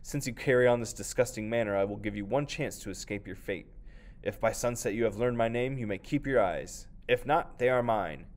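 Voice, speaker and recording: A man voicing a menacing male ogre who thunders slowly and loudly in a folktale read-aloud. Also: medium pitch, natural voice.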